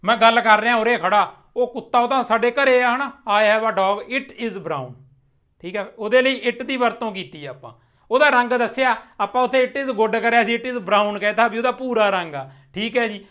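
A young man from Punjab teaches spoken English, explaining it in Punjabi with a high, bright voice. He delivers the lesson patiently and clearly, step by step, slowing right down to model example sentences deliberately.

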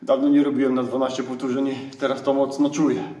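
A middle-aged man vlogging his workout in a small home gym, chatty and upbeat, sometimes out of breath between sets, with loud bursts of excitement. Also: medium pitch, brisk, recorded from a distance. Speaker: fitness vlogger. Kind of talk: casual workout vlog. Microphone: camera mic at a distance. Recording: roomy sound, voice a bit off-mic.

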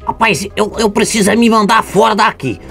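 A man giving excited gameplay commentary, making shooting sound effects and exclaiming as he plays. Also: high voice, fairly quick, gravelly. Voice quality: lively, exclaiming, calls shots with sound effects. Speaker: gaming streamer. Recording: game music behind voice.

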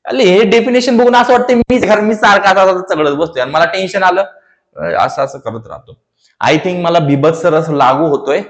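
High-voiced joking male tutor. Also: normal speed. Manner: chatty and joking, self-mocking asides. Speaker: teacher. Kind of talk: casual exam-prep grammar lesson. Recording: echoey room.

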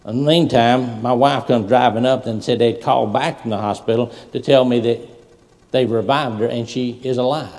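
A man preaching a sermon as a pastor, telling stories and swinging from loud preaching to soft asides. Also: mid-range voice, fairly even intonation, normal speed. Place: large church sanctuary. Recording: long hall reverb.

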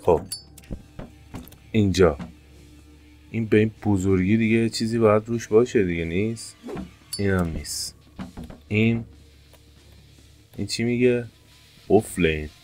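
A man commentating his gameplay casually, excitable, jumping to sudden high-pitched yelps. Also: pauses often, faint music behind. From Iran. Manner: excitable, jumps to high-pitched yelps when fires start. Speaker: gameplay streamer. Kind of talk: casual let's-play commentary.

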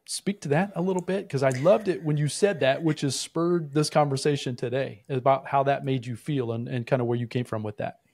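A man's voice: medium pitch, a little fast, hardly any pauses, a little mellow, no room sound, clean studio sound. A man co-hosting a podcast, asking his co-host probing, leading questions in a casual conversational way with frequent restarts.

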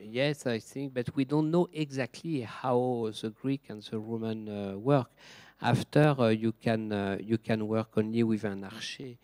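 A man with a French accent, a gem engraver answering questions in halting English and searching for words. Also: medium pitch, fairly even intonation, a little mellow, no room sound. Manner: hesitant, searching for words, many fillers.

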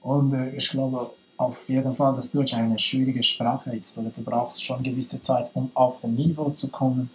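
A young man from Iran talks in a relaxed interview, his speech marked by a Persian accent. He is hesitant, often stops and restarts words, at an ordinary pitch. He sits at a table in a small room, heard through a camera a few meters away. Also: moderate pace, hardly any pauses, a little hiss or hum, low-quality recording. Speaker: guest. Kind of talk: casual interview.

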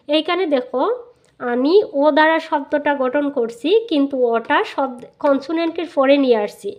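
A woman teaching English spelling and phonics, spelling words out letter by letter and repeating them slowly. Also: high voice. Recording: dull lo-fi sound.

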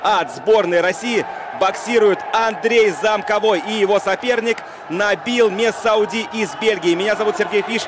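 A man giving live sports commentary on boxing. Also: sits high. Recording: crowd noise behind commentary mic. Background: arena crowd.

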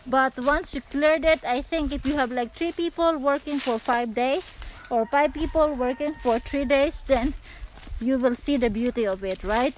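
Filipino woman vlogger, 40s, high voice, chatty outdoor walk-and-talk on phone mic, faint noise behind. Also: poor audio. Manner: chatty, fillers like "so" and "guys". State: sweaty from walking. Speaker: real estate vlogger. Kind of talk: casual walking tour vlog. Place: outdoors on rural lanes and overgrown land. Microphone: phone camera at arm's length.

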